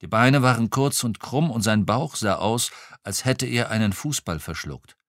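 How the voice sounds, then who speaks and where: A man reading a first-person crime novel aloud, telling it in a wry, lively way. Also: lowish voice, normal speed, no echo, clean studio sound. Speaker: audiobook reader.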